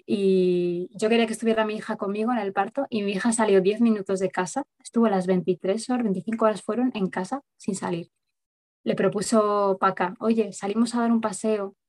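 A woman recounts her own story as an interview guest. She talks fast and chattily, filling her sentences with fillers as she goes. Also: mid-range voice, a little mellow. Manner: rapid, chatty, many verbal fillers. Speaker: guest mother recounting a home birth.

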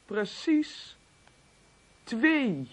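Margaret, a distraught wife. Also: female voice, on the high side, big pitch swings, extremely slow, exaggerated voice. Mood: bitter. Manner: anguished, sighing. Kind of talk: studio radio play acting.

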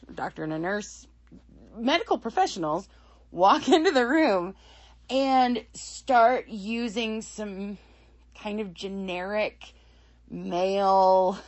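A woman casually recapping a TV episode, chatty with frequent laughs, fillers and asides. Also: medium pitch. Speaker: show reviewer.

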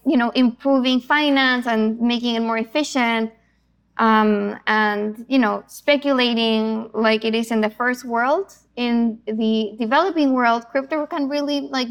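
A woman from Chile talks through her film project as an interview guest. Her voice is smooth and resonant, sitting a little higher than most women's. She explains patiently, dotting her sentences with "you know" and "um.". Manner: fluent and explanatory, with frequent fillers. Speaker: author and executive producer. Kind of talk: interview answer.

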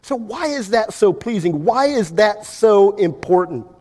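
A man's voice: expressive, unhurried. Preaching man in an echoing hall. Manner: emphatic preaching, wide swings in pitch and loudness. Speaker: pastor. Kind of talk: sermon. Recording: long hall reverb.

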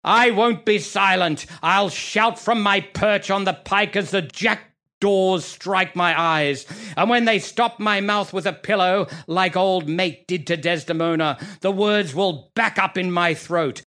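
An actor playing the scheming, bawdy villain Iago in a theatrical monologue, sneering and leering, dropping to muttered asides and rising to loud rants. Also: male voice, medium pitch, a little slow, lightly acted. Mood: defiant, ranting. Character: scheming bawdy male villain Iago, self-pitying braggart.

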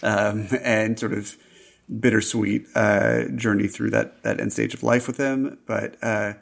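A man with a low, heavily gravelly voice talks about a film in casual podcast chat. He is reflective and hesitant, with plenty of ums and restarts. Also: flat delivery, a little slow. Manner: thoughtful, hesitant, many fillers. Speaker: film critic podcast co-host.

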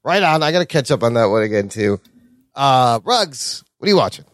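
Excitable American podcast host, dry room. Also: male voice, medium pitch, no room sound. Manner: excitable, profane, quick reactions. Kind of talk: casual chat.

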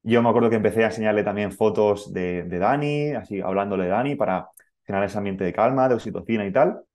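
A man from telling a podcast host a heartfelt personal story, animated and acting out the people he quotes. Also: fairly low pitch, fast. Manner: animated retelling, acts out voices in quotes, laughs and tears up. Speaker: podcast guest, father.

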